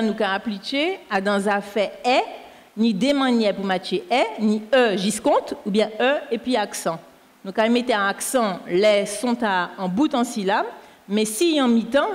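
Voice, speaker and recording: A woman with a Martinican Creole accent, a teacher patiently explaining spelling rules and spelling words out letter by letter. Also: on the high side. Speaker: language teacher correcting a dictation. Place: school canteen hall. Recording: echoey hall.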